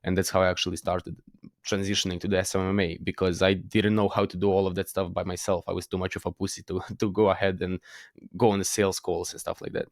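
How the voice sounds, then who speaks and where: Croatian teen guy, lowish voice, lots of "you know" and restarts, dry sound. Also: little pitch movement, fast talker, dry recording. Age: teens. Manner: hesitant, frequent fillers and restarts, laughs at himself. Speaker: guest. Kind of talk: casual interview.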